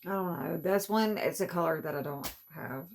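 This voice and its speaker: A woman talks casually through an unboxing in a low voice with a gravelly edge. She grumbles and complains as she goes, swearing now and then. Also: moderate pace. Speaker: beauty vlogger.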